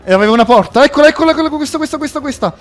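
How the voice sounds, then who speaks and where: A man giving excited gameplay commentary, yelping and laughing as he plays. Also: very high-pitched, rapid-fire, soft background music. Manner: excitable, yelps and laughs often. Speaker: gaming video host.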